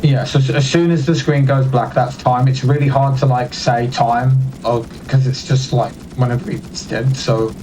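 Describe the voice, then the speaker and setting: Male speedrunner, mid-pitched, casual talker, off-mic with faint noise. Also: fairly even intonation, normal speed, hardly any pauses, recorded from a distance. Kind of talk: casual chat while playing.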